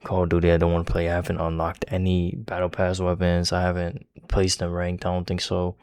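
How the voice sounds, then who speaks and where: A man's voice: low voice, completely flat delivery, fairly quick, darkish tone, smooth, dry recording. A young man rambling casually as a music reaction host, talking with a slight lisp from his retainers and swearing often.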